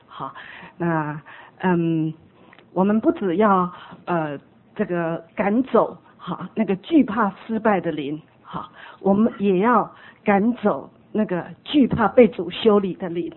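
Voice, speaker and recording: A woman leading a church meeting, gently encouraging the congregation with light laughter. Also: medium pitch, slow. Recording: tinny phone-like sound.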